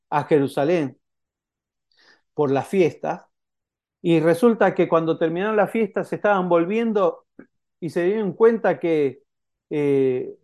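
A male pastor preaching a sermon in a conversational, halting way, often asking the congregation rhetorical questions. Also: fairly high pitch, darkish tone. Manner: halting, with frequent restarts.

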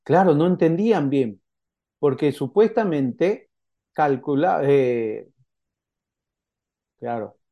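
A male pastor preaching a sermon in a conversational, halting way, often asking the congregation rhetorical questions. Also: fairly high pitch, lively intonation, dull audio. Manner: halting, with frequent restarts.

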